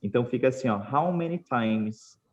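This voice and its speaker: Patient Brazilian teacher on a video call. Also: male voice, medium pitch, expressive, darkish tone, highs cut off. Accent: Brazilian Portuguese. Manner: patient, spells out examples slowly. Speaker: English teacher. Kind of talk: online class.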